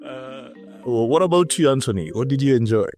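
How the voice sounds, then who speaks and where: A man's voice: mid-range voice, lively intonation, a little fast, a little mellow, faint music behind. A man hosting a podcast interview, chatting casually with many fillers and repeated words. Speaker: podcast host.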